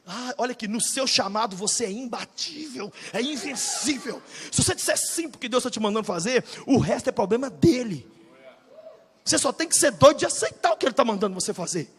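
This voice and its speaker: High husky brazilian preacher guy, 40s, yelling then going quiet, big echoey church. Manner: shouting bursts, then dropping low and confiding. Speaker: pastor. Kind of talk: energetic sermon. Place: large church hall, live audience. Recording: reverberant church hall.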